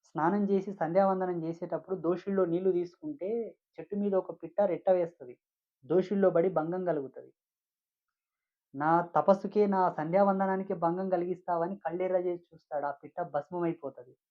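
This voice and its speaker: A man's voice: high voice, fairly even intonation, a little fast, phone-quality sound. A man preaching a devotional sermon as a spiritual teacher, emphatic and repetitive, with frequent rhetorical questions.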